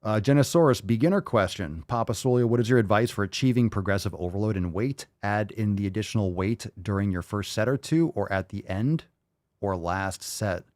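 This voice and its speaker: Deep-voiced man hosting a fitness Q&A. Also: expressive, a little fast, darkish tone, no room sound, clean studio sound. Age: 30s. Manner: conversational, thinks aloud with fillers and restarts. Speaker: fitness podcast host answering questions. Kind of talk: livestream Q&A.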